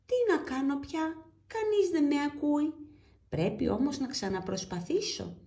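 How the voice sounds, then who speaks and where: A woman voicing a shy, quiet little man who speaks softly and politely. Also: sits high, big pitch swings, pitched above the performer's own voice. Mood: dejected. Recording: roomy echo.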